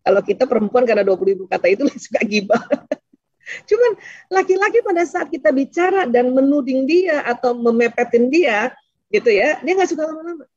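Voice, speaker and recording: A woman's voice: high-pitched, a little fast, husky, no room sound, lo-fi sound. A woman religious teacher talking casually and answering questions, acting out little dialogues as she goes. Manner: lively, acts out little dialogues, laughs often.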